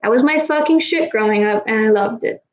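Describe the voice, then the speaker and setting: A young Kazakh woman, slightly tipsy, streams and answers chat with a fairly high, slightly quick voice whose highs sound clipped. She chats casually with her live audience, rambling, swearing freely and struggling to pronounce her R's.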